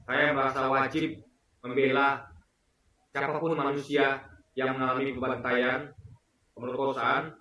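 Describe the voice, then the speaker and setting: A man's voice: medium pitch, little pitch movement, measured pace, long pauses, sharp tone, far from the mic. Earnest man in a very echoey room. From Indonesia. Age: 40s. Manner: earnest, emphatic, repeats points. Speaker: vlogger. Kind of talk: casual spoken commentary to camera.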